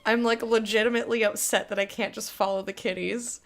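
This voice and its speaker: A woman's voice: medium pitch, flat delivery, a little fast. A woman giving casual live gameplay commentary as a streamer, gushing and sentimental. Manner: gushing, sentimental, baby-talks to the game. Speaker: game streamer.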